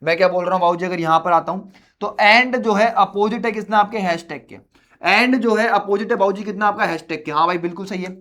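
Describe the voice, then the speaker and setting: एक पुरुष शिक्षक, कक्षा में परीक्षा की तैयारी के लिए समझाते हुए। वह बातें दोहराता है और छात्रों को बाबूजी, भैया कहकर मनाते हुए पढ़ाता है।. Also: male voice, high voice, a little fast, a bit bright. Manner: repetitive, coaxing, addresses students as babuji and bhaiya. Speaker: reasoning teacher for exam prep. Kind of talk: classroom lecture at a board. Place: classroom.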